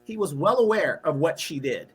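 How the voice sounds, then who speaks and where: A man's voice: on the high side, animated, moderate pace, slightly rough. A man co-hosting a casual commentary show, giving strong opinions and speaking straight to the audience. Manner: opinionated, addresses the audience directly. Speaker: co-host, commentator.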